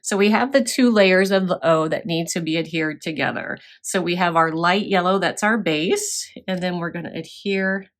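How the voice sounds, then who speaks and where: A woman's voice: on the low side, moderate pace, hardly any pauses. Woman teaching a scrapbooking class. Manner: step-by-step explaining with fillers. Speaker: craft class instructor. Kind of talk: scrapbooking demonstration.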